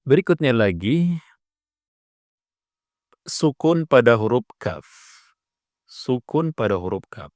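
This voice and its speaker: A man teaching correct recitation, explaining patiently and repeating points, breaking into drawn-out chanted examples. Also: on the low side, dry recording, studio quality. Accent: Indonesian. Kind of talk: instructional explanation with chanted call-to-prayer examples.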